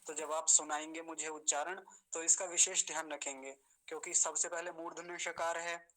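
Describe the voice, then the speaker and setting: A man leads an online pronunciation class with a patient, courteous manner. His voice is bright and forward. He stretches out difficult words and repeats them slowly, one syllable at a time. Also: on the high side, level tone, rough recording. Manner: slows down to spell out syllables, repeating words carefully; patient, polite, addresses students respectfully. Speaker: teacher of mantra pronunciation.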